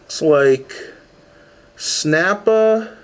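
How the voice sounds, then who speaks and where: Speaking very slowly and expressively in a fairly high voice, a man vlogs from his home about a haul of vintage cassette tapes. His commentary is relaxed and unplanned, full of casual phrasing as he thinks aloud and shows items to viewers.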